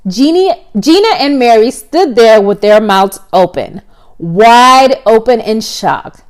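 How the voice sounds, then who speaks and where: Woman podcast host reading her story out loud, casual, kinda high voice. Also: lively intonation, slow.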